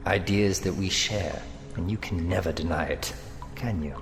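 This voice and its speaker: An actor with a low, creaky voice plays a menacing, amorous villain in an audio drama, speaking at a moderate pace in a theatrical, taunting, seductive way full of seductive menace. Dramatic music runs underneath a long, cavernous reverb.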